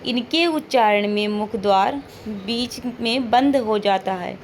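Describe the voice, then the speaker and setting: A woman's voice: medium pitch, unhurried, slight background noise. A woman teacher giving an online lesson, patiently repeating each point, modeling sounds aloud and checking in with frequent questions.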